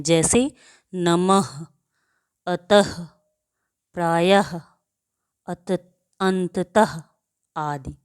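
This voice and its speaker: A woman's voice: medium pitch, dry recording, studio quality. A woman teaching a grade-school grammar lesson who asks her own questions and answers them, and drawls out example words to show how they sound.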